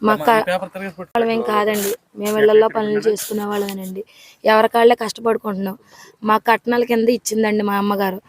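A woman's voice: medium pitch, flat delivery, brisk. A woman earnestly pleading her case to reporters outdoors, repeating her complaints.

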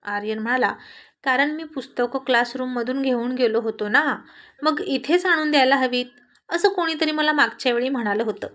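A woman's voice: sits high, moderate pace, fairly bright tone. A woman narrating a college love story and reading every character's lines herself. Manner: reads all characters in the same voice. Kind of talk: storybook narration with acted dialogue.

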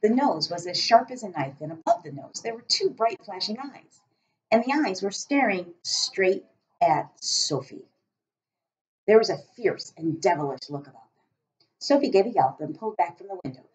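Sitting in a small home room next to the kitchen, a middle-aged woman who teaches narrates a children's storybook with careful, expressive delivery. Her mid-range voice is captured by a laptop webcam at arm's length, producing dull, lo-fi audio.

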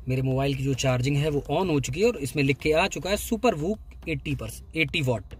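A man's voice: a little high, husky. A man hosting his own channel, explaining a car gadget step by step from inside a parked car. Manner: explains step by step, points at parts. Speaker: YouTube channel host. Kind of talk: casual product demo.

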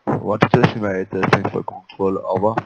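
A man speaking as a pilot, reading back clearances to air traffic control. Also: low-pitched, flat delivery, fairly quick, lo-fi sound. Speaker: pilot in online flight simulation. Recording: very noisy, loud radio link with clicks.

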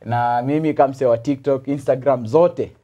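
A young man with a Kenyan accent and a medium-pitched voice. He co-hosts in a casual, bantering way, sliding between Swahili and English slang. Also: steady tone, moderate pace, mellow. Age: young adult. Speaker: video show co-host. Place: small studio, seated at a table.

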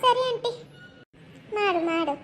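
A woman voicing a lively young woman, a protective niece who keeps asking pointed questions in a cartoon. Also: very high-pitched, a little hiss or hum, exaggerated voice. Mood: probing. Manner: quick, questioning, sharp-tongued. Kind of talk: cartoon comedy voice acting.

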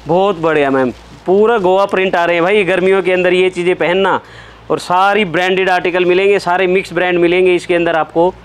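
A man's voice: high-pitched, fairly even intonation, brisk, clean tone. A man hosting a vlog in a clothing warehouse, upbeat and full of praise as he shows products. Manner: upbeat, keeps praising and repeating "very nice". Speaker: vlog host touring a wholesale shop. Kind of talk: enthusiastic product walkthrough.

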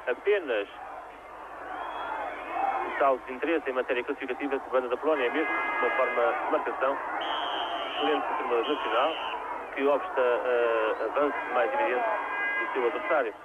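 A man with a European Portuguese accent giving measured, formally worded live football commentary. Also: mid-range voice, steady tone. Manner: formal, wordy phrasing. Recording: tinny, very noisy 1980s TV broadcast. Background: loud stadium noise.

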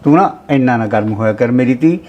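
A middle-aged man playing a soft-hearted father who keeps calming his quarrelling family in a Punjabi short drama. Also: mid-range voice, fairly quick, lo-fi sound, lightly acted. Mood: soothing. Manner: placating, calls everyone son. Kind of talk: Punjabi short-film acting.

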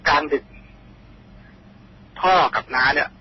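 A Thai man calling in to a radio show, telling a ghost story in a halting, earnest and polite way. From Thailand. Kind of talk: phone-in storytelling. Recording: dull phone line with faint hiss.

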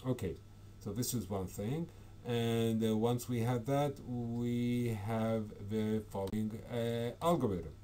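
Man presenting a technical conference talk, mellow, hesitant delivery with many "uh"s, faint background hiss. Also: medium pitch, fairly even intonation, slow pace. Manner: hesitant, frequent fillers and self-corrections. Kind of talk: academic talk over slides.

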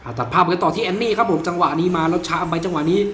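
A man with a slight cold giving excited voice-over commentary on his own gameplay, crying out in bursts and laughing often. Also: high voice, racing, echoey room, noisy background. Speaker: gamer and video creator.

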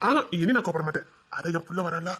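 A man's voice: fairly high pitch, animated, fast, fairly bright tone, husky. A man playing a young husband who has just learned he will be a father, speaking in an emotional, tender way. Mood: earnest. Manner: emotional, tender, promises not to get angry. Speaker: new father. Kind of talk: family web series acting.

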